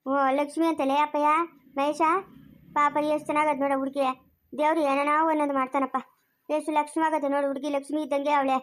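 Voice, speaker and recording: A woman's voice: high voice, level tone, quick pace, natural voice. Woman playing a kind fussing village mother. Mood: coaxing. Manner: soothing, then grumbling under her breath. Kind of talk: home-made family skit.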